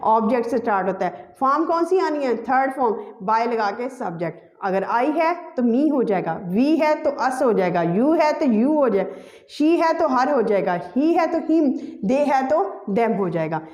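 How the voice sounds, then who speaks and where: A high-pitched woman teaches a grammar lesson, patiently spelling out each rule and repeating the key words for her students. Her voice rings through an echoey room. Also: lively intonation, measured pace, darkish tone. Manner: explains step by step, repeats key terms, addresses students directly.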